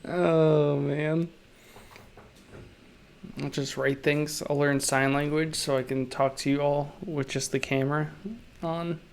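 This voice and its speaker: Streaming illustrator, male, sore-throated, flat monotone, gravelly and unhurried. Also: fairly high pitch, slight background noise. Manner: monotone delivery. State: sore throat, resting his voice. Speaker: illustrator live-streaming his drawing. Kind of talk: casual live-stream chat while drawing.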